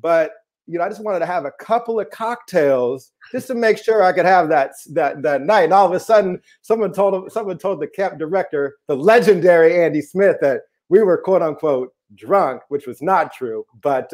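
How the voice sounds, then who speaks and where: A man's voice: on the high side, expressive, normal speed, darkish tone. A man from the Seattle area, a basketball coach, chatting casually and telling stories over a video call. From Seattle area, USA. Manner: laid-back, laughs easily, says man a lot. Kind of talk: casual chat, storytelling. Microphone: remote video call.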